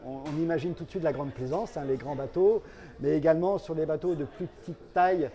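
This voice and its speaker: A male company representative, appearing as an interview guest, explains products in a soft, mellow voice pitched a little high. He talks briskly but feels his way through sentences, often repeating a word.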